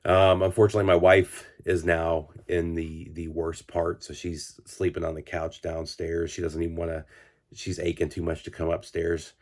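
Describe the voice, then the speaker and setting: A man's voice: sits low, level tone, normal speed. A man, congested from illness, casually chatting about vinyl records with lots of fillers and restarts. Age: 40s. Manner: rambling, many fillers and restarts. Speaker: vinyl collector channel host. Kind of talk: casual record-collecting vlog.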